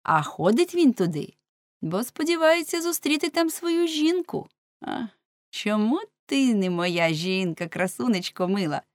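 A woman's voice: a little high, sing-song, measured pace, no room sound, clean studio sound, pitched above the performer's own voice. A woman reading the part of a bold, teasing young man in an audiobook, in a forthright manner.

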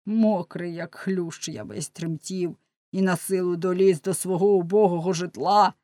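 A woman reading an audiobook voices a spiteful old male fishmonger with shrill, vindictive cries. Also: fairly even intonation, a little slow, warm tone, no echo, close to an everyday voice. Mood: self-pitying.

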